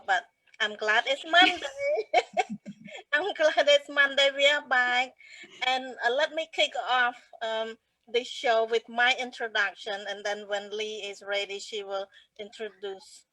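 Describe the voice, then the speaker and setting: A woman's voice: on the high side, pushed and bright, no room sound, low-quality recording. A woman from Cambodia, a co-host introducing herself in a casual talk show, speaking earnestly with fillers and restarts.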